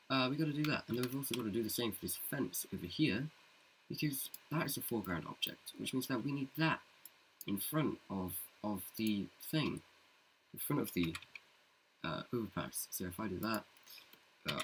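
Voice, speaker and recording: A man's voice: lively intonation, moderate pace, a bit bright, slight background noise, low-quality recording. Chatty man muttering over clicking keys. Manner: thinks aloud, chatty and self-mocking, muttering to himself; jokes in a deep movie-trailer voice. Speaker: CG artist showing his work. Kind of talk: casual screen-recorded tutorial talk. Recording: keyboard and mouse clicks behind.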